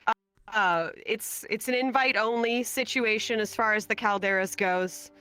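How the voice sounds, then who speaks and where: Bright-voiced upbeat game master. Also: male voice, sits high, moderate pace, clean tone, rough recording. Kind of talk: casual closing remarks.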